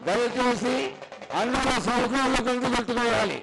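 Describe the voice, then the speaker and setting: A man's voice: very high voice, steady tone, moderate pace, over loud music, rough recording. A man making devotional public announcements at a temple ceremony, speaking solemnly and instructively in short separate phrases.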